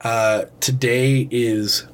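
Congested guy podcasting, smoker rasp, casual and jokey, bit of background noise. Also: mid-range voice, level tone, very slow. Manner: informal, swearing, joking. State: congested, throat rough like a heavy smoker's. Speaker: podcast co-host. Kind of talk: casual film podcast chat.

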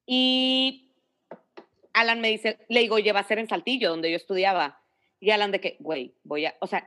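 A young woman with a northern Mexican accent, telling a story in casual chat and acting out the voices of the people in it. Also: mid-range voice. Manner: animated, acts out quoted voices, heavy slang.

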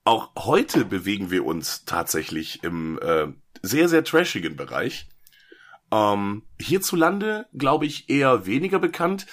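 This podcast host, a man with a medium-pitched and slightly bright voice, talks about horror movies in a loose, chatty way despite having a cold. Jokes come often, and so do fillers and false starts.

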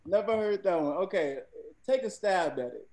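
A polite man explains the rules of a quiz game in a plain, even voice. He sounds a little sheepish and laughs at his own fumbles. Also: high voice, moderate pace. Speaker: game segment presenter.

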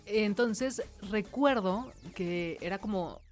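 A middle-aged woman with a Mexican accent, a radio host casually telling an animated anecdote and acting out quotes. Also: medium pitch, slow, soft background music.

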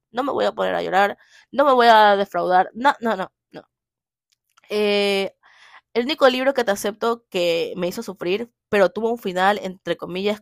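A young woman talking casually about what she loves and hates in books. She is emphatic and animated and hammers her points home with repeats. Her voice is mid-pitched and recorded close in a dry room. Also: dry recording. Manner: emphatic, animated, keeps repeating "así de simple". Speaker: book vlogger. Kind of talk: casual opinionated chat.

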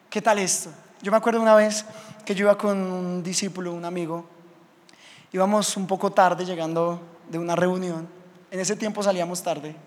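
A man preaching a sermon as a pastor, telling stories in an animated way with sound effects. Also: high voice. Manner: animated storytelling, acts out scenes with sound effects. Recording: long hall reverb.

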